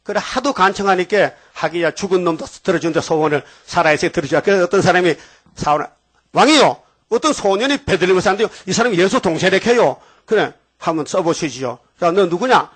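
A male pastor giving a sermon, folksy and animated, acting out story voices and calling out to the congregation. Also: high voice, quick pace. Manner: animated storytelling preacher, acts out biblical voices.

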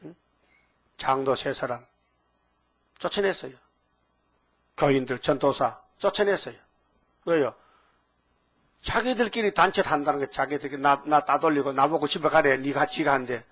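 An older male pastor delivers a sermon in a somewhat raised voice. He keeps firing rhetorical questions at his listeners and swings between low mutters and sudden loud, emphatic bursts. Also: normal speed, long pauses, breathy edge.

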